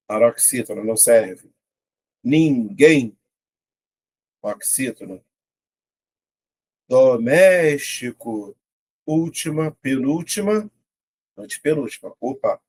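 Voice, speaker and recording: A man teaching a casual online Portuguese lesson, chatty and colloquial, working through examples step by step out loud. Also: mid-range voice, breathy edge.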